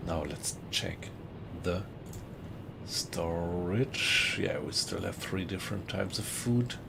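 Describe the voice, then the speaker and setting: Slow, gravelly German-accented man. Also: low-pitched, background noise. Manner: relaxed, chatty, greets viewers in chat. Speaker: game streamer. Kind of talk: casual live-stream commentary.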